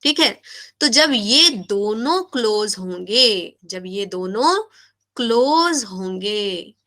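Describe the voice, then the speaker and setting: A woman's voice: mid-range voice, animated, takes it slowly, pushed and bright. A woman teaching a biology class in Hindi-English, asking questions and repeating key terms. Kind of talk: live online class lecture.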